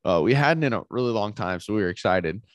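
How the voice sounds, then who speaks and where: Relaxed rambling man, dry close sound. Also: fairly low pitch, fast talker, no room sound. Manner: relaxed, rambling, "like" fillers, mild swearing. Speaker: podcast co-host. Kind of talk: casual chat.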